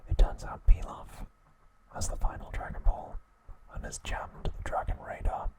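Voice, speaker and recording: A man narrates an episode recap as an ASMR piece, using a breathy whisper with no voicing and pausing carefully between short phrases. It is a rough recording.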